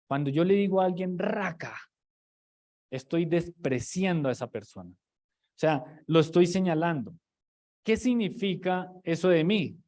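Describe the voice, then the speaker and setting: A man teaches from the pulpit in a loose, conversational way, restarting phrases and throwing rhetorical questions at his congregation. His voice sits a little on the high side for a man. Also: darkish tone. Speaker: preacher. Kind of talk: sermon teaching.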